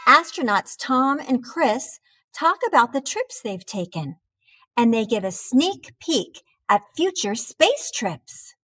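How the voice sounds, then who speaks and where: Slow-reading woman telling a storybook. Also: a little high, sing-song, a bit bright. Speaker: children's book reader. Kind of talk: storybook read-aloud.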